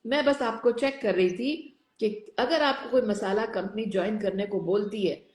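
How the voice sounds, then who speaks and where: A woman's voice: medium pitch, normal speed, darkish tone, echoey room. A woman hosting a live online chat, encouraging her guests and mixing English phrases into her Hindi. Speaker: host of a live online show.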